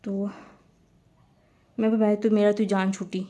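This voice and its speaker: A woman's voice: medium pitch, flat delivery, mellow. A woman telling a personal story in a casual, rambling way, often repeating her phrases.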